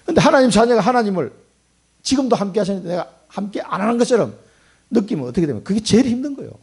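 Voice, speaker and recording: A pastor giving a sermon, preaching emphatically with sudden rises and drops in pitch and loudness, in a church sanctuary. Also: male voice, big pitch swings, quick pace, gravelly, breathy edge.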